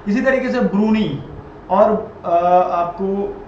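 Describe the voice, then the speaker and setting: A man's voice: sits high, slow, a little hiss or hum. A man teaching an exam-prep lesson over a map, repeating each item and quizzing the viewer as he goes. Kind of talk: classroom-style lecture over a map. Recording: very echoey, dull lo-fi room sound.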